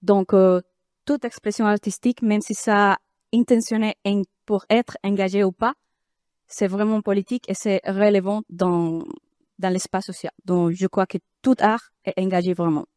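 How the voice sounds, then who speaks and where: Dominican lady speaking french w a spanish accent, bit hesitant, native spanish, mid pitch, close dry sound. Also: fairly even intonation, moderate pace, a little mellow, dry recording. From Dominican Republic. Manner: hesitant, non-fluent French. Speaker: artist and art student, audience speaker. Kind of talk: unscripted forum remark.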